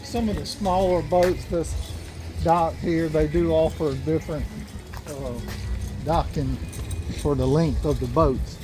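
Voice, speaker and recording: A man with a slightly high voice explains things in an easygoing way while strolling outdoors. His commentary is casual and relaxed. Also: measured pace, music in the background. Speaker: vlog co-host. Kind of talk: casual walking-tour commentary. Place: outdoors at a waterfront marina, walking.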